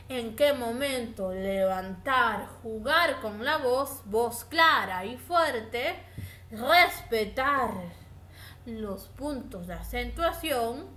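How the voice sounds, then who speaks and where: A woman teacher giving a recorded reading lesson, speaking clearly and directly to her students. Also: fairly high pitch, bright, forceful tone. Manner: slow, clear, instructive, addresses students directly. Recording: echoey room with faint ambient noise.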